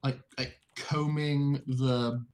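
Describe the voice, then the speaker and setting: A man playing a tabletop role-playing game, talking casually in halting, stammered repeats. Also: medium pitch, level tone, a little mellow.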